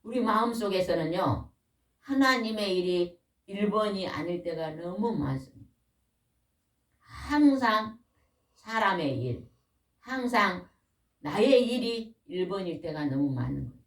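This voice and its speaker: A middle-aged woman preaching a sermon in a small church. She questions the congregation and waits for answers, and she slows down to stress key words. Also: mid-range voice, animated. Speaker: pastor's wife preaching. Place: small church or worship room. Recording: roomy echo, voice from a distance.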